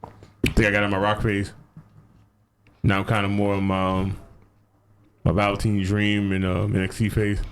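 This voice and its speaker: A man co-hosting a casual podcast, talking about wrestling with profanity and jumping into high voices when he quotes people. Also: completely flat delivery, moderate pace, pauses often, clear, resonant tone. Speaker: podcast co-host. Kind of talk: casual chat.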